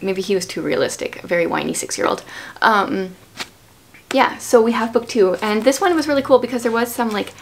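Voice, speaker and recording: This host, a thirty-something homeschooling mother, chats about books at home in a small furnished room, explaining conversationally and asking questions along the way. Her voice is on the high side and creaky, and she speaks fairly quickly. A little hiss or hum can be heard.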